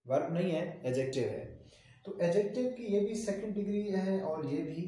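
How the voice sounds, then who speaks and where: A man's voice: high voice, expressive, moderate pace, mellow. A male English teacher giving a grammar lesson, explaining step by step and answering his own questions. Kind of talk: classroom grammar lecture. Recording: very echoey room.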